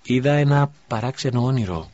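A man doing a frail young boy, high and urgent. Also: a little mellow, lightly acted. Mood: dreamy. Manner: high, urgent childlike pleading. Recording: dull lo-fi recording.

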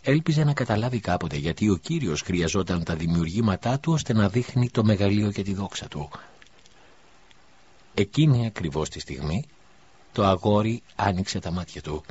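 A man narrating an audiobook in a calm, measured reading voice. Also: on the low side, husky. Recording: dull lo-fi recording.

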